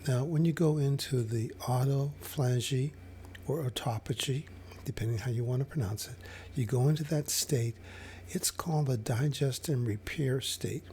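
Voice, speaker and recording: A man explaining fasting over slides in a casual, hesitant way, with many fillers and restarts. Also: medium pitch, warm tone, slight background noise. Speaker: health educator.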